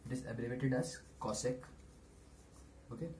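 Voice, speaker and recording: A man's voice: mid-range voice, darkish tone. Young man tutoring over noticeable background noise. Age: teens to young adult. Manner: deliberate step-by-step explaining with short phrases. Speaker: maths tutor. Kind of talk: whiteboard maths lesson. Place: small room indoors at a whiteboard. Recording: noisy small-room camera recording.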